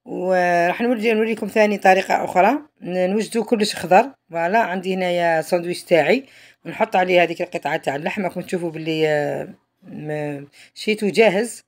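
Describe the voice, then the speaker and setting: Fast-talking Algerian woman showing a recipe. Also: on the low side. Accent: Algerian Arabic. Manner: chatty, repeats "voilà" and trails off mid-phrase. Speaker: home cook. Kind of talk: cooking tutorial narration.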